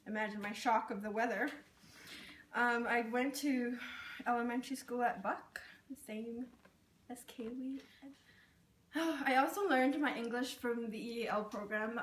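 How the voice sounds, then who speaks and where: Telling personal stories casually as an interviewee sharing her experience, a young woman fills her chatty speech with lots of "like" and "um." Born in Burma and raised in Thailand, she speaks Karen as her first language. Her voice is on the high side, and the roomy, distant-mic recording has a little hiss or hum.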